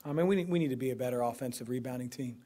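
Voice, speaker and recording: A man's voice: medium pitch, warm tone. Man coaching, answering postgame questions at a podium. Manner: measured, thinking aloud with many fillers and restarts. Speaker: basketball head coach. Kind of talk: postgame press conference answers. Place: press room in front of a sponsor backdrop. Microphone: podium microphone.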